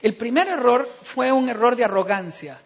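A male pastor preaching a sermon with a dramatic delivery, acting out dialogues and building to loud, emphatic passages. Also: very high voice, animated, moderate pace, breathy edge. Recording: dull recording in a reverberant hall.

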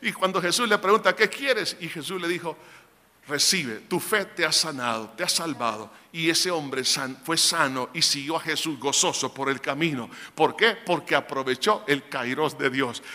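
A man preaching a sermon, emphatic, calling his listeners brothers and now and then shouting out quoted cries. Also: high-pitched. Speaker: pastor. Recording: long hall reverb.

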